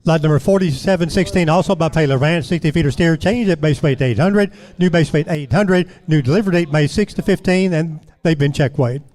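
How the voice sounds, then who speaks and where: An American man with a slightly high voice announces lots at a livestock auction. He reads out the details of each lot as an announcer, between the auctioneer's chants. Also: fairly quick, hardly any pauses, darkish tone.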